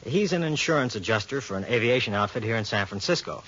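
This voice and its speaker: An American man playing an easygoing, bantering police inspector in a 1940s radio drama, with a slightly husky voice and dry, casual delivery on a dull vintage recording. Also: medium pitch, animated, fast, a bit bright. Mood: casual, explaining.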